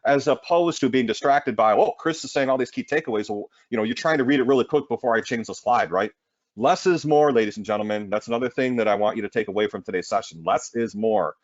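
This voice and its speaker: A man presenting a marketing webinar in an energetic sales pitch, often tossing in "right?". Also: fast, no echo, lo-fi sound.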